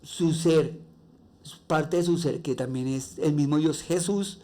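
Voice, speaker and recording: A man with a Colombian accent and a nasal, raspy voice, hosting a faith-based podcast monologue and sharing personal stories earnestly. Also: on the high side, slow, warm tone. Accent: Colombian Spanish. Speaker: podcast host.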